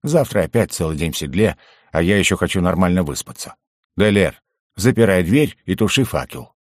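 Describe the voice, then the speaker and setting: A man's voice: low-pitched, animated, fairly quick, no room sound. A man voicing a hot-tempered bearded male gnome who grumbles and bellows, in a dry, close recording. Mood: weary. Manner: loud, grumbling, exasperated.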